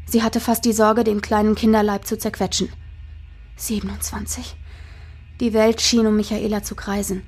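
Woman reading a tense audiobook, breathy husky voice, mid pitch. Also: level tone, fairly quick, few pauses, a little mellow, faint music behind. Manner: tense, dramatic storytelling. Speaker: narrator. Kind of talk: scripted audiobook narration.

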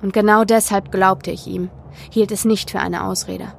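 A woman reads a creepy story aloud in the first person, tense and expressive. Her voice is gravelly in a middle register, and faint noise sits under it. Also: mid-range voice, normal speed. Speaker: podcast narrator. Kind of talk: dramatic horror story reading.

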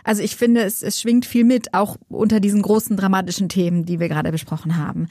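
A woman's voice: medium pitch, flat delivery, fast, dark tone, dry recording, studio quality. Musing woman chatting about books. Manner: musing, thinks aloud with many tag questions. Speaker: book podcast co-host. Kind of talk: casual book discussion.

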